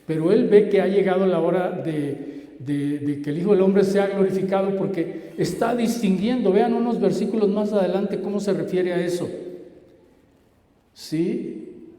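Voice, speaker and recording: A man preaching a sermon as pastor, swinging between loud emphasis and hushed asides. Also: high-pitched, moderate pace. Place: church hall. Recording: echoey church hall.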